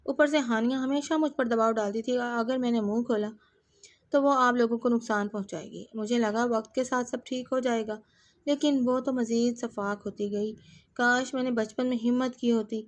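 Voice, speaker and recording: A wounded young woman tells of years of mistreatment in a soft, sobbing voice, read by a woman narrating a novel. The voice is fairly high and gentle, kept close to a plain reading voice. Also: fairly even intonation, lightly acted. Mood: tearful.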